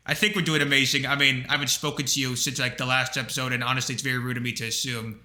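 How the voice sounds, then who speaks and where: Very fast and mid-range in pitch, a young man rambles through a casual chat with his brother on their podcast. He's an animated co-host who leans heavily on fillers, recorded in an echoey room.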